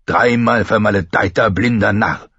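A man voicing an imprisoned, grieving lord who speaks in a low, bitter, self-reproaching way. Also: moderate pace, husky, no room sound, dull audio. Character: imprisoned lord, grieving, guilt-ridden middle-aged man.

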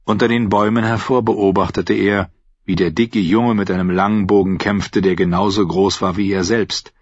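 A man reading a novel aloud as an audiobook narrator, measured and even. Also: lowish voice, no echo. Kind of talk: scripted narration. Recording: dull, muffled audio.

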